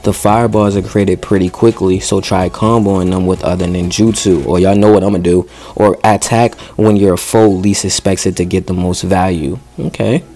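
Deep-voiced man reading game patch notes. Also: moderate pace, few pauses. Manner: slangy excited asides between read passages; stumbles and restarts while reading. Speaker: gaming YouTuber. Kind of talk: reading game update notes aloud with commentary.

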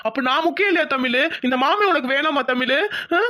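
A lovesick young village man in a cartoon romance, voiced by a woman. He speaks high and quick, coaxing and pleading with warm affection. He sounds devoted and insistent throughout. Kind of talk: cartoon voice acting.

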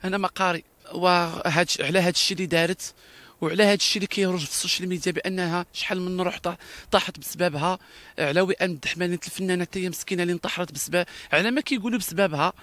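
A man's voice: high voice, very fast, fairly bright tone, no room sound. A man with a Moroccan Darija accent, speaking in an interview with emphatic, repetitive talk and frequent restarts.

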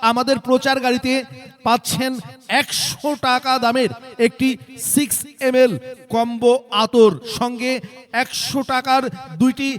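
A man with a strikingly high-pitched voice and a Bangladeshi accent works through a hard-sell advertisement. He announces like a street promoter, repeating the offer insistently and pressing listeners to buy. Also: flat delivery, measured pace, fairly bright tone. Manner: insistent, repetitive sales pitch urging listeners to hurry. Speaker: sales announcer for a promotional vehicle.

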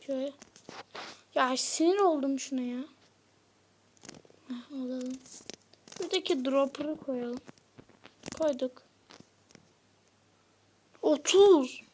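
A woman giving casual let's-play commentary as a gaming YouTuber, chatting straight to her viewers and getting frustrated quickly. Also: high voice, a little hiss or hum.

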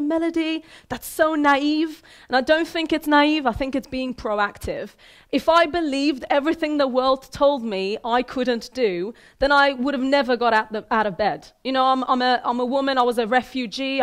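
A woman in her thirties, originally from Iran and raised in Sweden, giving a lively, conversational motivational talk from a theater stage and asking the audience questions. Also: sits high, clean tone. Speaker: keynote speaker. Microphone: headset mic.

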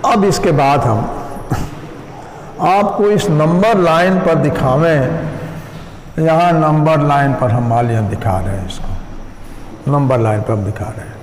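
Slow-talking male teacher in echoey room. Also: fairly high pitch, expressive, slight background noise. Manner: slow, explains step by step, mixes English terms. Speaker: school maths teacher. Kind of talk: classroom lecture at a board. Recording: echoey room with long reverb.

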